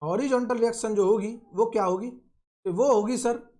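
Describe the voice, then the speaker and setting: A man with a high, warm voice teaches engineering in a recorded online lecture. He stretches out and repeats key phrases slowly, and he poses questions that he then answers himself.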